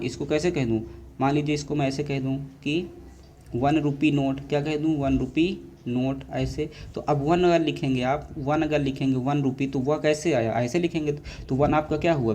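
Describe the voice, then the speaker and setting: A man's voice: fairly high pitch, a little mellow, slight background noise. A male English teacher explains grammar corrections for board exams to students, keeps asking rhetorical questions and answering them himself. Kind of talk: board exam grammar lesson.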